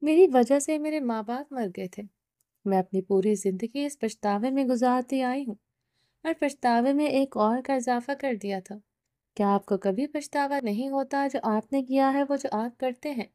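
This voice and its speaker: A woman's voice: sits high, mellow, dry recording, studio quality, close to an everyday voice. A woman voicing a heartbroken young woman who speaks while crying. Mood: tearful.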